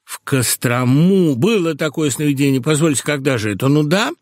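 A man voicing a confident, smooth-talking swindler in an audiobook reading, calm and sly. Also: on the high side, normal speed, dry recording, studio quality, close to an everyday voice. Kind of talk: audiobook character voice.

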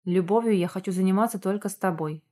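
A woman's voice: medium pitch, fast, dark tone, close to an everyday voice. A woman voicing a domineering, possessive werewolf man in an audiobook, his lines growled and insistent. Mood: pleading, obsessive.

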